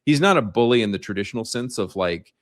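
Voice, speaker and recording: A man's voice: fairly low pitch, expressive, no room sound, studio quality. A man co-hosting a retro gaming podcast, talking casually with blunt opinions. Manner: blunt, opinionated, quick agreements. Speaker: podcast co-host.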